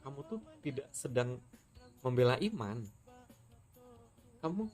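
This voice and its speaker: A man from West Sumatra, Indonesia, answers a critic on TikTok with a heated monologue, scolding and challenging them firmly. His mid-range voice is a little mellow and a little slow, with big pitch swings, and soft music plays behind him.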